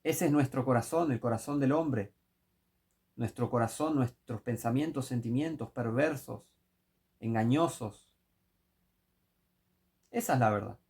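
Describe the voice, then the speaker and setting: A man's voice: medium pitch, measured pace, pauses often, darkish tone, husky. A man preaching a sermon, emphatic and full of rhetorical questions.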